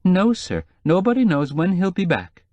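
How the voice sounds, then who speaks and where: In an audiobook reading, a male narrator voices a nervous, timid middle-aged housekeeper, raising his voice well above its natural pitch into a high, sing-song, slightly mellow register at normal speed. She whimpers anxiously, speaks hesitantly, frets and trails off. The lo-fi recording is close and dry, with no echo.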